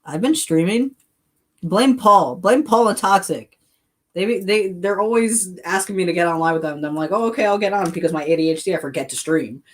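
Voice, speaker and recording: A woman's voice: on the low side, moderate pace. Giggly woman streamer chatting on a podcast. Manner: laughs often, trails off and restarts. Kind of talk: casual podcast chat.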